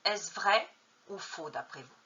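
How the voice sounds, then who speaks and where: A woman's voice: medium pitch, animated, unhurried, creaky, pushed and bright, breathy edge, muffled recording. A woman teacher trainer narrating a lesson, posing true-or-false questions and then answering them. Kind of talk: narrated lesson on an English textbook.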